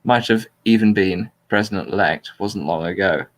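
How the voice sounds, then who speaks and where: Speaking at a moderate pace in a deep voice, a talk show host mixes casual chat with reading a transcript aloud, doing so in a dry, informal, intentionally flat way.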